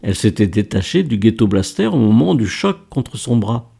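A man reading a novel aloud as narrator, in a steady storytelling manner. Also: lowish voice, normal speed, gravelly, slightly rough. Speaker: audiobook narrator. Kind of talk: scripted narration.

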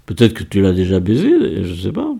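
A man's voice: sits low, wildly swooping pitch, moderate pace, creaky, dark tone, slightly rough, heavily acted. A man voicing a blunt, nosy young man who banters in casual slang, within a read-aloud story. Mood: teasing.

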